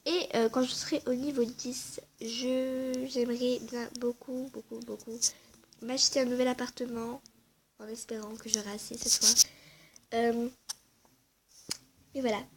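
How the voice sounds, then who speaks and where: A woman's voice: fairly high pitch, flat delivery, a little slow, long pauses, slight background noise. A woman casually walking viewers through her game character, chatty and hesitant, muttering asides under her breath. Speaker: game vlogger. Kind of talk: casual game walkthrough chat.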